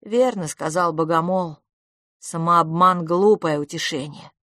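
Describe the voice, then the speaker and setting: A woman's voice: lowish voice, measured pace, a bit bright, no echo, clean studio sound. A woman voicing Philipp, a frail and sickly boy who speaks bitterly and wearily, with sighs. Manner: bitter, sighing, subdued.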